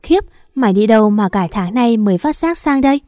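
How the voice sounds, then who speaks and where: A nagging, sharp-tongued old mother-in-law, as a woman puts her on in a storybook reading, scolding loudly. Her voice is mellow and dry, close to the mic. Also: a little high, expressive, fairly quick, no echo, close to an everyday voice. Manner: scolding, sarcastic, loud.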